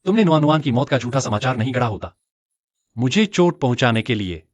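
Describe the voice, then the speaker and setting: A man's voice: mid-range voice, animated, a little fast, no echo, highs cut off, close to an everyday voice. A man voicing a remorseful father who pleads with his estranged wife in a dubbed drama. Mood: pleading. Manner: pleading, anguished. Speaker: dubbed actor. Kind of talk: Hindi drama dubbing.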